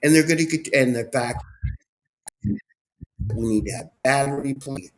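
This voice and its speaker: A male talk show host ranting sarcastically about politics in an animated, mocking way. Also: medium pitch, measured pace.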